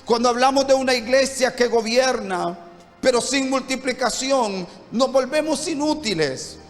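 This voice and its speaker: A pastor from Honduras with a Honduran accent, preaching a sermon with fervent rhetorical questions and repeated phrases. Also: male voice, very high voice, normal speed, long reverb tail, soft background music. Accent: Honduran Spanish.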